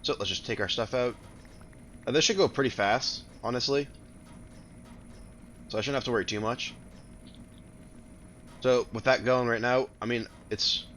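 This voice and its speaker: This man's voice is medium-pitched and fairly bright. He moves briskly yet leaves long pauses while sleepily thinking aloud and rambling over his own gameplay, with slight background noise.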